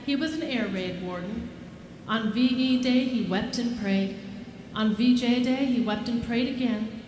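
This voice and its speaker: An actress playing a knowing, matter-of-fact heavenly superior who narrates in a live 1940s-style radio play. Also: female voice, a little high, unhurried, darkish tone, slight background noise, close to an everyday voice. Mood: solemn, knowing. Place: live stage performance. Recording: roomy stage sound. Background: music.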